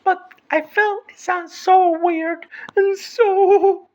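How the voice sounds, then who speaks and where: A woman's thin falsetto, an octave up. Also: fairly even intonation, slow, warm tone. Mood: amused. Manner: airy falsetto, self-mocking. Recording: dull lo-fi audio, from a distance.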